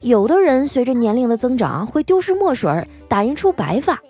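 A woman voicing a cheeky, unbothered young female coworker who answers back in a high, bouncy way. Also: big pitch swings, fairly quick, warm tone, faint music behind. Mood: sassy.

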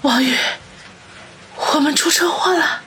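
A man's voice: very high-pitched, measured pace, sharp tone, slight background noise, voice pushed up, heavily acted. A man voicing an injured adult woman who speaks in a feeble, strained voice. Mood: weak, pained. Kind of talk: audiobook character voice.

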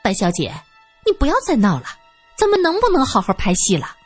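A woman voicing a worldly, gossipy lady who teases and chatters on a film set, with a husky voice. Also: a little high, wildly swooping pitch, brisk, dry recording, faint music behind, exaggerated voice. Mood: teasing. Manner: teasing, chatty.

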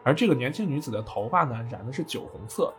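A man's voice: medium pitch, sing-song, fast talker, a bit bright. A man casually retelling a video game story for a podcast, with jokey asides.

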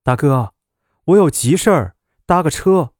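Man doing a young female driving instructor: firm, brisk, confident, pitched up. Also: animated, a little mellow, no echo, studio quality. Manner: bold, brisk and self-assured.

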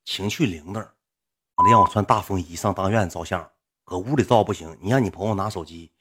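A man's voice: low voice, a little fast, sharp tone, breathy edge. A livestreamer man telling a rambling personal story in blunt, earthy slang. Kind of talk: casual storytelling.

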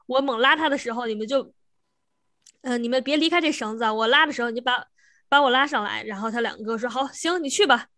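A woman's voice: a little high, fast talker, sharp tone, no room sound. A woman co-hosting a podcast, casually retelling a fairy tale with frequent restarts and self-corrections. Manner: meandering, self-correcting, laughs often. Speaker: podcast co-host. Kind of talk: casual storytelling chat.

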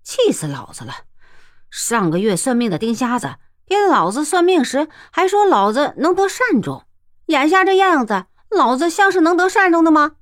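A woman's voice: high-pitched, very animated, moderate pace, dry recording, clean studio sound, voice pushed up. A woman voicing a coarse, hot-tempered young commoner who swears and rants in a storybook reading. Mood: furious ranting. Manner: swearing, ranting, self-pitying.

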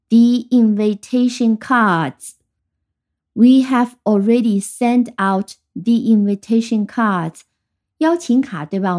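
Mellow-voiced woman teaching vocabulary. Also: mid-range voice. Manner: clear, patient explaining, slows down for English example sentences. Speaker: English teacher. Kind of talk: vocabulary lesson.

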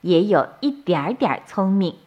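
A woman narrating a bedtime story for children, gentle and sing-song. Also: on the low side, sing-song, a little slow, highs cut off.

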